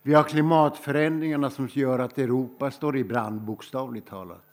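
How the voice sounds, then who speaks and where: A man from Sweden preaching a sermon, telling stories slowly and reflectively, with emphatic pauses. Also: mid-range voice, steady tone.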